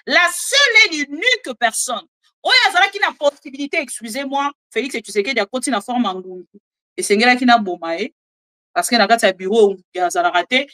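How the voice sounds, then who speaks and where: A woman with a Congolese French accent giving animated, chatty political commentary and joking asides to her viewers. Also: fairly high pitch, a little fast. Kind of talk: casual live commentary, French mixed with Lingala.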